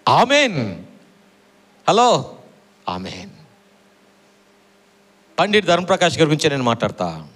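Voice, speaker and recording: Male preacher, middle-aged; high, lively sermon delivery that repeats lines and calls on listeners to respond. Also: measured pace, long pauses. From Andhra Pradesh, India. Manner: animated, repeats phrases, quizzes the congregation for answers.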